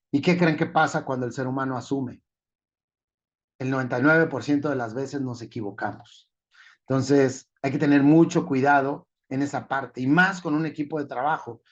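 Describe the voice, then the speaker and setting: At a forum, a male conference speaker with a voice on the high side explains his points through everyday examples and rhetorical questions to the audience. The high frequencies in the audio are cut off.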